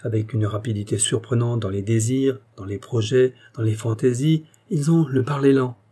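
Reading a classic novel for an audiobook, a male narrator keeps his storytelling steady and measured. His voice is medium in pitch with a breathy edge.

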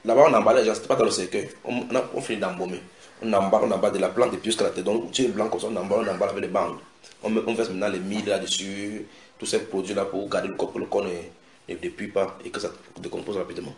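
A man preaching a sermon, retelling scripture dramatically with sudden shouted quotes and direct questions to his listeners. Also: on the low side, steady tone, rapid-fire. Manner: asks the audience direct questions. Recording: echoey room.

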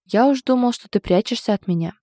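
A woman's voice: on the high side, fast, dry recording, clean studio sound, pitched above the performer's own voice, natural voice. Woman voicing a sneering drunk ex-boyfriend. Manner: sneering, bullying, louder than the narration. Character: drunk sour menacing ex-boyfriend, man.

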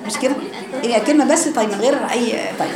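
A woman with an Egyptian accent teaching Quran recitation rules to female students, patiently repeating sounds slowly to demonstrate. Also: on the high side, echoey room, crowd noise. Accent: Egyptian Arabic. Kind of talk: tajweed lesson to female students.

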